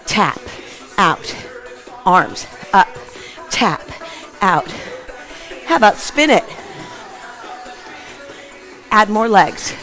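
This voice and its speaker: A woman's voice: mid-range voice, very slow, pauses often, low-quality recording. Upbeat aerobics instructor lady calling out short workout moves in her living room, music playing behind. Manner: energetic, encouraging, short punchy commands while exercising. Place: open living room at home, indoors.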